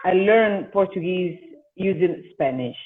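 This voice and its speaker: A woman from Italy, host and singer, leads a relaxed video-call conversation in a lowish, unhurried voice with lively intonation, often restarting as she goes. Tinny, phone-like sound.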